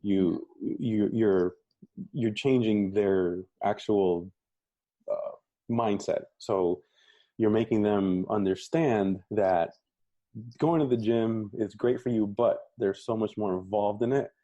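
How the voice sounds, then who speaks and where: A man's voice: fairly low pitch, takes it slowly, mellow, dry recording, muffled recording. A man hosting a fitness podcast, chatting casually and affirming his guest, often repeating words as he thinks. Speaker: podcast host and coach. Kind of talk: casual interview chat.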